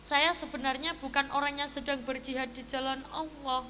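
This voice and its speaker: A woman's voice: high-pitched, flat delivery, normal speed, pushed and bright, big-room sound, slight background noise. Woman playing a contrite market thug. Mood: humble. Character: remorseful male market thug, middle-aged.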